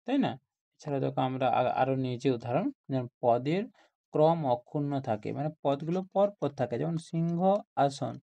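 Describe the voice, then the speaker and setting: Gravelly-voiced male grammar teacher. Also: mid-range voice, mellow. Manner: explains step by step, asks rhetorical questions. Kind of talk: Bengali grammar lesson.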